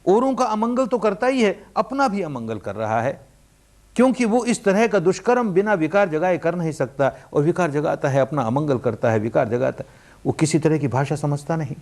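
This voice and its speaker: A man giving a spoken meditation discourse in an earnest preaching manner, with rhetorical questions and swings between loud emphasis and quiet softness. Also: a little high. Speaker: meditation teacher. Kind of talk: dharma discourse.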